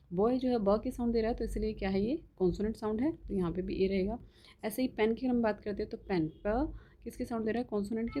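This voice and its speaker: A woman's voice: medium pitch, dark tone. A woman teaching a grammar lesson for exam students. She keeps asking the class questions and answering them herself, often checking with "ठीक है?". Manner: spells example words slowly.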